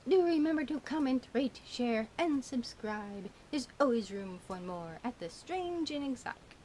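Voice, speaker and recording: A woman with a slightly high voice rambles to camera about things she bought, giggling as she goes and piling on "like" and "you know." Her tongue is a bit burnt, which blurs a few words. A faint hiss sits under the recording. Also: lively intonation, measured pace, warm tone. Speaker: vlogger showing a shopping haul. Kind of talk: casual rambling chat to camera.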